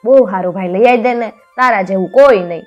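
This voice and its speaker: A woman's voice: mid-range voice, brisk, dull audio, faint music behind, natural voice. A woman voicing a kindly, tearful female jamun tree in a storybook tale, half-chanting sing-song rhymes. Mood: soft, pitying.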